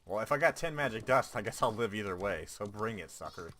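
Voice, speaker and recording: A man's voice: fairly low pitch, animated, brisk, sharp tone, slight background noise. A man streaming a game, chatting casually and joking, laughing often as he plays. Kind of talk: casual gameplay commentary.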